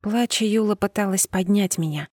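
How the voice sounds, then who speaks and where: A woman narrating a first-person audiobook in a measured, steady reading. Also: medium pitch, dry recording, studio quality.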